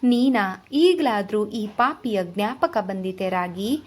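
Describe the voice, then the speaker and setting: Give me a grieving young mother, soft and tearful, read by a woman. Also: mid-range voice, animated, slow.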